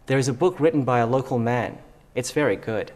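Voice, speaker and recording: A man's voice: mid-range voice, a little fast, darkish tone, lightly acted. An actor playing a helpful local man giving directions in a scripted dialogue. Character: helpful male local guide.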